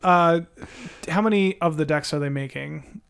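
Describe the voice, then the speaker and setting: Smooth, slightly higher-voiced man, wry chat. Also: moderate pace. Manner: relaxed, wry, casual swearing. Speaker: podcast co-host. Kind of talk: casual chat about card games.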